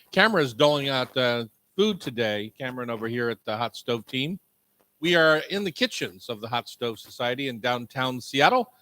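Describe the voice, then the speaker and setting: Bright-voiced chatty radio host, a man. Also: medium pitch, rough recording. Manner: chatty, joking, addresses a live audience. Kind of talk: live radio talk show banter. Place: restaurant kitchen with live audience.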